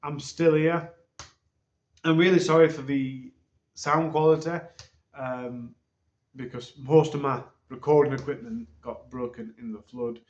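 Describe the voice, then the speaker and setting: A man, a channel host, giving viewers a casual, rambling update full of ums, recorded on a low-quality phone. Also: fairly even intonation, measured pace, darkish tone. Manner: hesitant, rambling, many ums. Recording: dull, roomy phone recording.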